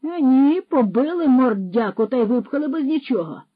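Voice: high-pitched, expressive, moderate pace, husky, dry recording, narrow, tinny audio, pitched above the performer's own voice. A narrator doing a pompous Latin-spouting horse thief. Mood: scolding. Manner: lecturing, scolding, loud.

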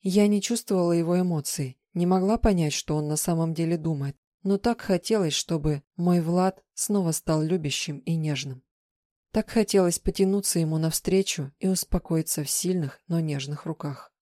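A woman reading a first-person novel aloud as an audiobook narrator, in an even, emotive way. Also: lowish voice, moderate pace, dry recording, studio quality.

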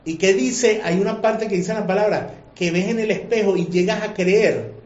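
Guy teaching a religious class, lively and questioning, muffled echoey recording. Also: high-pitched, moderate pace. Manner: animated, questioning, emotional. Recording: echoey room, muffled lo-fi sound.

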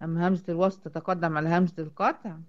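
A woman with an Egyptian accent teaching Quran recitation, explaining step by step, asking questions and answering them herself, slowing right down to sound out words. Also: lowish voice, little pitch movement. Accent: Egyptian Arabic. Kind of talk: online tajweed lesson. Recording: dull lo-fi audio.

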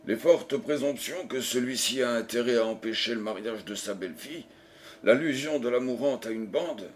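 A man narrating an audiobook in a measured, steady storytelling voice. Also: on the low side, a little hiss or hum. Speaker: audiobook reader. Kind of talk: scripted narration.

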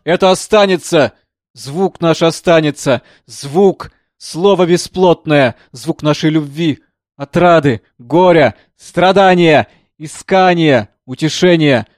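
A man's voice: mid-range voice, dry recording, close to an everyday voice. Give me a man playing an anguished drunk composer in an audiobook, despairing, with a dry voice. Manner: anguished confession rising to frantic shouting. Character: drunk, broken older male composer, desperate. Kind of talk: audiobook character reading.

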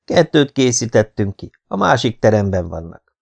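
A man's voice: fairly low pitch, big pitch swings, gravelly, darkish tone, full character voice. Man voicing a fussy funeral home manager. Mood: protesting. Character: nervous male funeral parlor manager.

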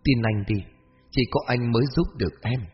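A man voicing a gentle, mysterious young stranger in a storybook, speaking softly and tenderly. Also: mid-range voice, a little fast, big-room sound, muffled recording, lightly acted. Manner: soft, hushed and tender. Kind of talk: storybook narration.

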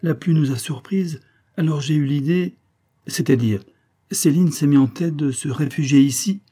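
A proud, headstrong young woman answers curtly in a storybook reading, her voice lifted above a low base, played by a man reading aloud. A dark, husky grain stays under her clipped, haughty lines. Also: normal speed, close to an everyday voice. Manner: curt, haughty.

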